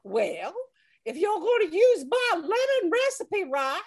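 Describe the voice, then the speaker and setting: A woman's voice: very high-pitched, big pitch swings, slow, no room sound, clean studio sound. A woman hosting a comedic radio cooking show, folksy, huffy and theatrical.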